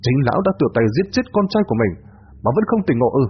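A man voicing a calm, wise old master who scolds in a measured way. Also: fairly high pitch, slightly rough, pitched above the performer's own voice, exaggerated voice. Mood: stern. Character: calm wise old male sorcerer-teacher. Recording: dull lo-fi audio.

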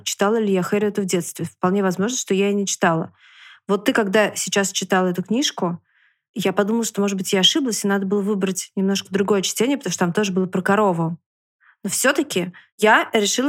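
A woman reading a children's story aloud in a lively, expressive way. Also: medium pitch. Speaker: children's book reader.

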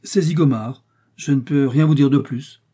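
A man voicing a calm, unflappable French male detective who answers in short terse replies in an audiobook. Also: medium pitch, normal speed, husky, voice pushed up, lightly acted. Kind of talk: audiobook character voice.

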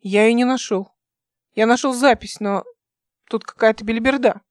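A woman's voice: a little high, fairly even intonation, normal speed, no room sound, studio quality, close to an everyday voice. A woman reading an audiobook voices a ship's computer intelligence in a level, factual tone.

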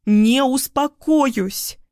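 A man voicing a volatile, clingy young woman in an audiobook, given to shrill screaming outbursts. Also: unhurried, no room sound, clean studio sound. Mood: furious. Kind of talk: audiobook character voice.

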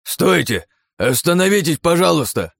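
A man's voice: mid-range voice, moderate pace, no echo, studio quality, natural voice. A man voicing a stubborn, loyal old grandfather in an audiobook, speaking urgently in a raised voice. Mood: pleading.

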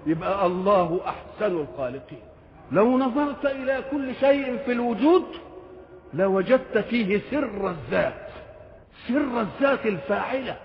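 A man's voice: sits high, animated, normal speed, gravelly. Older Egyptian man lecturing in a hall. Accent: Egyptian Arabic. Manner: rhetorical questions, shifts between formal and colloquial speech. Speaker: Quran commentator. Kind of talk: religious commentary lecture. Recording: dull lo-fi recording in a reverberant hall.

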